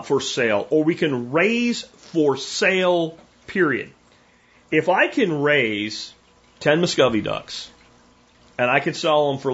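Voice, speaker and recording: Man host, casual and opinionated, slightly high voice, dull lo-fi stream audio. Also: a bit bright. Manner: folksy, opinionated, with frequent restarts and tag questions. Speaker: homesteading podcast host. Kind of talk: casual live-stream talk answering viewer questions.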